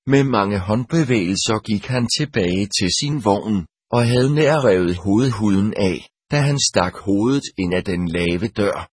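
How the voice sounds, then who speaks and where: A man with a husky voice narrating a first-person story in a measured, even way, like an audiobook. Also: lowish voice, no room sound, studio quality.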